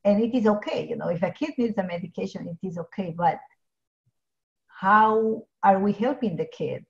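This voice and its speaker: A woman's voice: medium pitch, normal speed, creaky. A middle-aged woman from Ecuador, talking earnestly on a video call with many restarts and fillers. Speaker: pharmacist guest. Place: home office with bookshelves. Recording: dull lo-fi video call audio.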